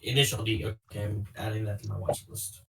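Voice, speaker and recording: A man's voice: lowish voice, steady tone, brisk, vocal fry. A man in a casual podcast chat, rambling and poking fun at himself. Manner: rambling, self-deprecating. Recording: distant from the mic.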